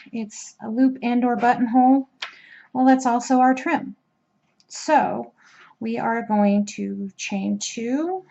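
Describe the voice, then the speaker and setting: Woman crochet instructor, unhurried and mellow, working as she talks, muffled home recording. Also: mid-range voice, creaky. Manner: talks slowly while working, self-deprecating asides. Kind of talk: step-by-step craft tutorial.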